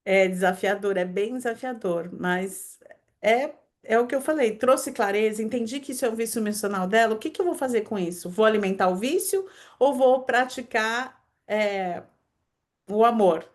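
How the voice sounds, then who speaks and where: A woman with a Brazilian Portuguese accent hosting a devotional conversation, telling personal stories with lively emphasis and quick asides. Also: a little high. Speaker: host of a daily devotional.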